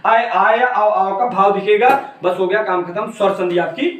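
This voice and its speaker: High-pitched teacher drilling grammar in an echoey room. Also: male voice, normal speed, fairly bright tone, distant mic. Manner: repetitive, drilling, calls students "beta". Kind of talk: exam-prep grammar lesson.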